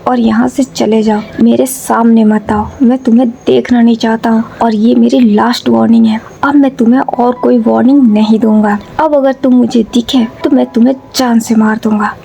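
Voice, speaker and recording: A woman's voice: a little high, fairly even intonation, normal speed, creaky, hardly any pauses, mellow, a little hiss or hum. A woman voicing a stern, cold young man who speaks harshly and threatens. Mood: angry.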